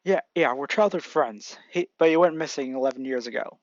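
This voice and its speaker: Man playing a hot-headed teen, blunt, gravelly, dull mic. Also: mid-range voice, brisk, no room sound, lightly acted. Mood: brash.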